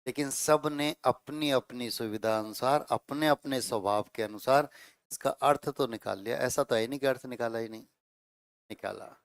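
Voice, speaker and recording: A middle-aged man lectures his class on grammar, going over each point twice and pausing to ask if everyone follows. His voice is clear and resonant. The sound is close and dry, with no room echo. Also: medium pitch. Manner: explains slowly with repeated phrases and checks like 'theek hai'. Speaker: Hindi grammar teacher.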